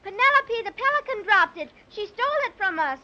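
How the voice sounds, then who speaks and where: A woman's voice: extremely high pitch, lively intonation, a little fast, bright, forceful tone, heavily acted. An actress playing a polite, gushing young girl in a 1930s radio drama. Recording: dull lo-fi old radio recording.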